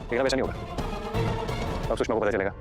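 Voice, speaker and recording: A man's voice: on the low side, moderate pace, natural voice. An actor playing a smug, vengeful husband plotting against his wife in a melodramatic drama. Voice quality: smug, gloating. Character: scheming vengeful husband, middle-aged villain. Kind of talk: melodramatic web-series acting. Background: background music.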